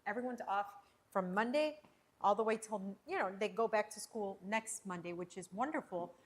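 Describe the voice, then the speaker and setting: Her voice is mid-range and moves at a normal speed. As she preps food on a casual livestream from her home kitchen, the host chats loosely, rambling and often starting over.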